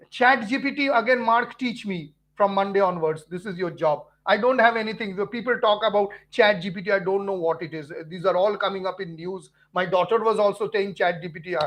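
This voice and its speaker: An earnest middle-aged man with an Indian English accent chats with viewers on a live stream, his voice sitting high for a man. He talks like a teacher, repeating points and stumbling over restarts and fillers as he goes. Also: a bit bright.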